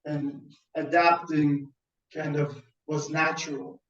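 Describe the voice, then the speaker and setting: A man born in Iran and raised in Sweden tells his story in a webinar on a video call, halting and repeating words as he goes. His voice sits a little high and stays fairly flat. The sound is roomy and dull, as if he sits some way from the mic. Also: recorded from a distance. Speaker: founder presenting a webinar. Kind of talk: webinar talk.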